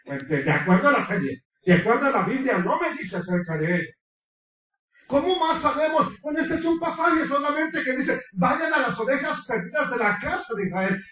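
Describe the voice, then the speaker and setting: Brief: male preacher, very high and sharp voice, heated sermon delivery, distant mic in a reverberant room. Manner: fervent, quizzes the congregation, breaks into shouting. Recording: echoey room, far from the mic.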